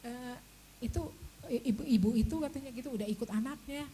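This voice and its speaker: A woman's voice: on the high side, brisk, warm tone, slight background noise, rough recording. An older woman giving a testimony in church in a chatty, confiding way, often laughing and praying aloud. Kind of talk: testimony sermon.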